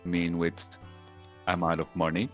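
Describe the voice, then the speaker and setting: A very deep-voiced man speaking through a clipping, distorted home mic that keeps cutting in and out. He is playing in an online tabletop game over a voice call and asks short, blunt questions. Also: monotone, unhurried, faint music behind. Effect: clipping, distorted mic audio that cuts in and out.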